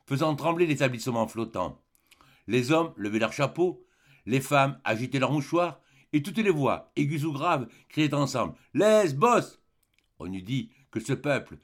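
Measured male storyteller. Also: medium pitch. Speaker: narrator. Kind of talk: scripted literary narration.

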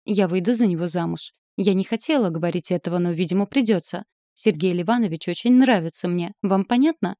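Young noblewoman, proud and indignant, read by a woman; mellow, dry close sound. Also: on the low side, brisk, hardly any pauses, no room sound, natural voice. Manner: pleading, then sharply indignant. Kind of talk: audiobook character reading.

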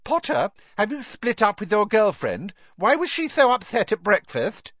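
A man doing a sneering high schoolgirl. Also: huge pitch swings, normal speed, fairly bright tone, breathy edge, no echo, muffled recording, heavily acted. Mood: taunting. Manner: taunting, called out. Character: sneering spiteful teenage girl.

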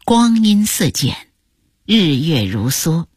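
An older woman tells a family memory on the radio, slow and unhurried, her pitch rising and falling very freely. Her voice is a little husky and sits close and dry. She acts out each scene as she goes. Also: dry recording. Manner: expressive, acts out the story. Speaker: narrator. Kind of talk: memoir storytelling on radio.

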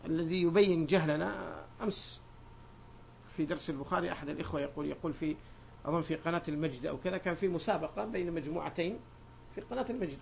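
A gravelly-voiced man, acting as a sheikh teaching a hadith book, reads narrations aloud in a raised voice, then explains them to his students in a lower, conversational tone. He digresses and puts questions to the class. The classroom lesson is a dull lo-fi lecture recording with a slight hiss or hum.

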